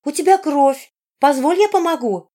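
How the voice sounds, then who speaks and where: A woman's voice: high-pitched, expressive, moderate pace, dark tone, pitched above the performer's own voice. Woman voicing a scheming young princess. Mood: coaxing. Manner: reproachful, coaxing. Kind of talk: audiobook character voice.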